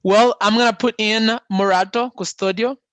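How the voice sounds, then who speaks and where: A man hosting an online meeting in a relaxed, halting way, often repeating his words. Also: sits high, dry recording. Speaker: meeting host. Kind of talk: casual video-call chat. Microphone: video call.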